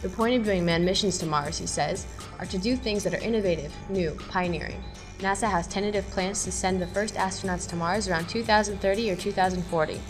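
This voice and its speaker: A woman presenting a weekly news segment, reading scripted odd stories with a brisk, wry delivery. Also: medium pitch. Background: music.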